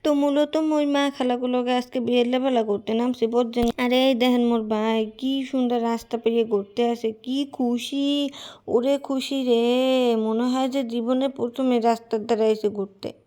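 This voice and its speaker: A woman's voice: on the high side, fairly even intonation, moderate pace, mellow. A woman vlogger speaking in a Barishal Bengali dialect, chatting casually with viewers while she walks outdoors along a village road. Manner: chatty, keeps addressing viewers; talks while walking. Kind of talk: casual travel vlog.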